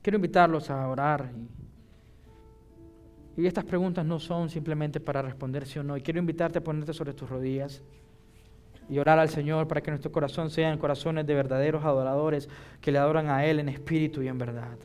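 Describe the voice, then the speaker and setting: Fervent high-voiced male pastor praying. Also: steady tone, a little fast, clear, resonant tone, soft background music. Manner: fervent, repeats "Lord" after each phrase; rises and swells in passion, then drops to soft murmurs. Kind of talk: sermon closing prayer.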